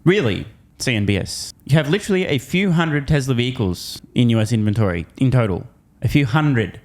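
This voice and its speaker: Man, commentary host, sarcastic, profane, scornful, mid-pitched, mocking rhetorical questions. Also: lively intonation, brisk, a little mellow. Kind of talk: informal reaction commentary.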